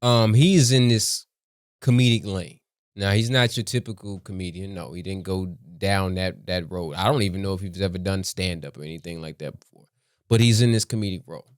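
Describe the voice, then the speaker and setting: A man's voice: sits low, brisk, smooth, no echo. Man giving casual commentary, very dry sound. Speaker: commentator reacting to a comedy skit.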